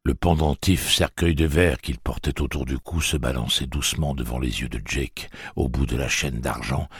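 Very deep, gravelly audiobook narrator. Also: male voice, a bit bright, dry recording, studio quality.

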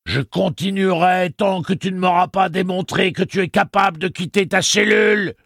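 A man's voice: high-pitched, moderate pace, creaky, fairly bright tone, dry recording, studio quality, pitched above the performer's own voice, full character voice. A man playing a hardened, stern gunslinger who speaks harshly and solemnly. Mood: shouting.

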